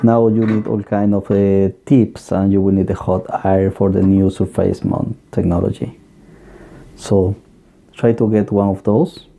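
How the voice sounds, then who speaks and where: A workshop host with a gravelly, dark, low-pitched voice and little pitch movement walks through electronics gear in an indoor workbench room. His advice is plain and halting, packed with fillers and restarts, in a casual hands-on style.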